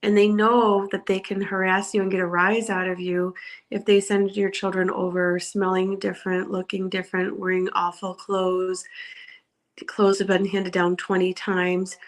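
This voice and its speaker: Earnest woman co-host, medium pitch. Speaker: co-host, court watcher. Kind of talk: earnest talk show commentary.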